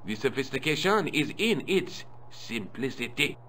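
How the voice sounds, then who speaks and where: A man's voice: medium pitch, big pitch swings, measured pace, sharp tone, heavily acted. A man voicing a haughty, self-important museum deputy custodian in a video game. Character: pompous fussy French male museum deputy custodian. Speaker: museum guard character.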